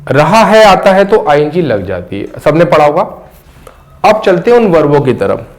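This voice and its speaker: A middle-aged man teaches English grammar in a voice that sits slightly high. He breaks phrases into single words and repeats them slowly so students can follow. He speaks into a close mic. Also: sing-song. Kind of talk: classroom grammar lesson.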